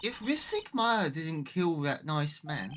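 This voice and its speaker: A woman's voice: mid-range voice, sing-song, a little slow, pushed and bright, soft background music, voice pushed up. A woman doing a polite little girl. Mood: earnest. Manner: innocent, formal, polite. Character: polite earnest eight-year-old girl. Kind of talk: fan voice-over of a game.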